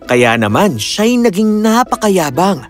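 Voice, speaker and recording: A man narrating a children's fairy tale in a slow, expressive storytelling manner. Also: sits high, soft background music.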